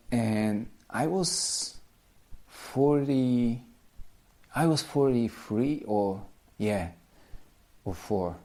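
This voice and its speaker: Warm and fairly low-pitched, this Polish-accented man in his forties teaches languages in a casual to-camera talk. English is his second language, and he repeats himself with small grammatical slips.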